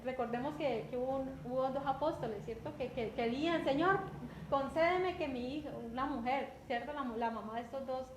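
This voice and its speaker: Una mujer con acento colombiano que predica un sermón en tono conversacional, repitiendo palabras y preguntando a menudo «¿cierto?». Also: female voice, sits high. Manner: conversational, repeats words, often asks "¿cierto?". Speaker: preacher. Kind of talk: sermon. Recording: echoey room with faint background noise.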